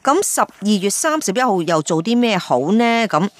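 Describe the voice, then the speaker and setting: A woman radio host, chatting through a feature report with many fillers and pauses. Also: mid-range voice, animated, dry recording.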